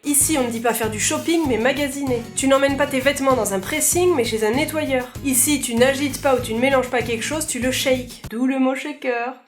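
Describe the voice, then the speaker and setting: A woman's voice: sits high, a little fast, hardly any pauses, soft background music. A woman vlogger explaining words in a casual, playful, self-mocking way.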